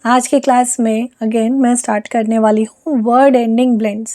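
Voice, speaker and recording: Woman, phonics teacher, high pitch, dark mellow tone, careful letter-by-letter sounding out. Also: fairly even intonation. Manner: slow, deliberate sounding out of letters. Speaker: online English phonics teacher. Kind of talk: online phonics lesson.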